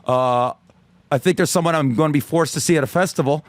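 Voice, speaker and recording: A man on a podcast, telling stories in a loose, animated way, acting out quotes and swearing freely. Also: on the high side, fast, no echo. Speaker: guest comedian. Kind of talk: casual podcast chat.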